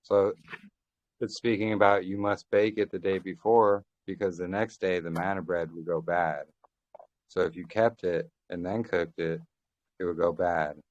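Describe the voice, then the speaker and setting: Low-voiced man on a fading call line. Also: steady tone, moderate pace, darkish tone. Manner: explains at length, quotes scripture, restarts phrases. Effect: thin, fading call line. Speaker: Bible study group member. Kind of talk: casual group discussion on a call. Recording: dull, dry lo-fi call audio.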